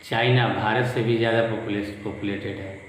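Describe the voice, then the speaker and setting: A male school teacher with a north Indian accent, giving a classroom grammar lesson and slowly repeating each word form in a drill. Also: lowish voice, fairly even intonation. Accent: Hindi-speaking north Indian. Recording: very echoey room with long reverb, faint noise.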